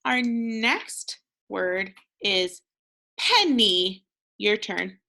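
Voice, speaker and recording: An American woman teaching a slow, clear phonics lesson to young children, patient and encouraging, pausing for answers. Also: medium pitch, lively intonation, bright, forceful tone. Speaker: second grade teacher.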